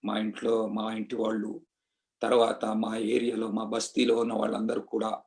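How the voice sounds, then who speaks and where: A man's voice: lowish voice, monotone, moderate pace, darkish tone. Earnest man giving an emotional testimony. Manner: earnest storyteller, switches into English phrases.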